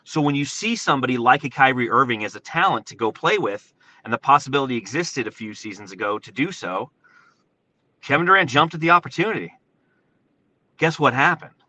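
Bright, forceful American man talking from inside a car. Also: medium pitch, poor audio. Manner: animated, informal, emphatic with rhetorical questions. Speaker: sports podcast host. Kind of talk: excited solo sports commentary, casual livestream. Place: inside a parked truck in a parking lot.

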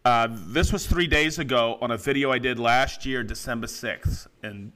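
A middle-aged man co-hosting a casual podcast, animated and quick to laugh. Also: mid-range voice, a little hiss or hum. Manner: animated, laughs loudly and often, reads comments in mock voices. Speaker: podcast co-host. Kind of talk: casual chat.

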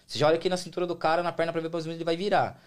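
A man's voice: a little high, flat delivery, rapid-fire, clean tone. A man with a Brazilian Portuguese accent, explaining American football in slangy, casual interview talk as a player and guest. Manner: slangy, colloquial, explains with examples.

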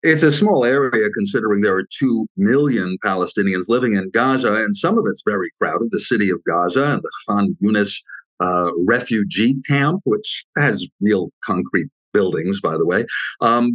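Male expert guest, mid-pitched, measured and explanatory, dry close mic. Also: fairly bright tone, no echo, rough recording. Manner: measured, explanatory, with frequent asides. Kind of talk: explanatory interview answer.

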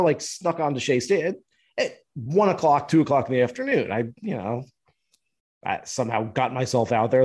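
A man co-hosting a podcast, telling a long story in a relaxed, chatty way with frequent laughter. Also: mid-range voice. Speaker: podcast co-host. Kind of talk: casual chat, storytelling.

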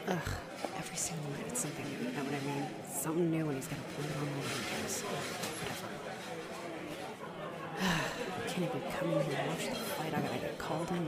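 A woman's voice: fairly low pitch, close to an everyday voice. A young woman voicing a bubbly female bartender who is a starstruck fight fan, gushing, apologizing and laughing nervously. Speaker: roleplay voice performer. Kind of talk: audio roleplay acting.

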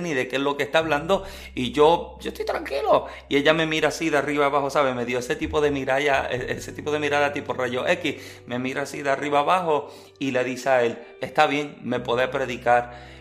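A man preaching, telling a personal testimony in an earnest, lively storytelling manner. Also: fairly high pitch.

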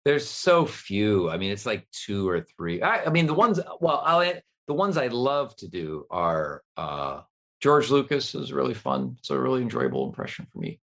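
A man's voice: medium pitch, sing-song, normal speed, creaky, fairly bright tone. A middle-aged man, a voice actor, chatting as an interview guest in a rambling, self-deprecating way. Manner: rambling, self-deprecating, many fillers and restarts. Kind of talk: casual interview chat.

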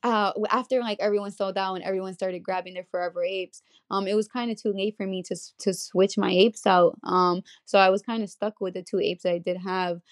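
A woman's voice: medium pitch, steady tone, fairly quick, few pauses, no room sound, studio quality. A young woman, a podcast guest, telling stories in casual chat with many fillers. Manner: chatty storytelling with many fillers.

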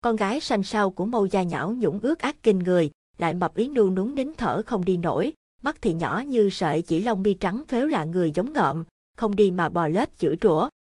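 A woman's voice: mid-range voice, lively intonation, a little fast, a little mellow, no echo. Woman narrating a horror story, dry.

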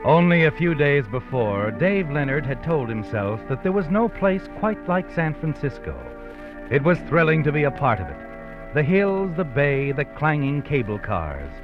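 An actor playing an ominous, all-knowing male narrator of dark tales in a theatrical, insinuating 1940s radio style. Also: on the high side, big pitch swings, normal speed. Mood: wistful. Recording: muffled vintage radio recording, music behind.

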